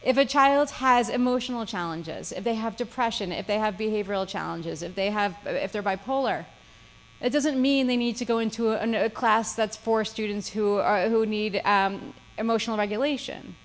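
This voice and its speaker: A woman's voice: mid-range voice, normal speed, low-quality recording. A woman lawyer giving a seminar lecture, with frequent "okay?" check-ins and dry sarcasm. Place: seminar room.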